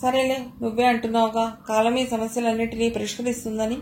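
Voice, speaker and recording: A woman reading an audio novel, voicing a young woman friend who asks gentle, caring questions. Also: a little high, level tone, quick pace, roomy sound, a little hiss or hum, natural voice. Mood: concerned. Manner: gently probing.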